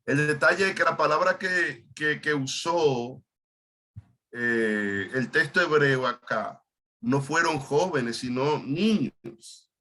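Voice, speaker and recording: A man's voice: a little high, expressive, slow, sharp tone. A male pastor leading an online Bible study, stopping often and repeating words as he explains Hebrew terms.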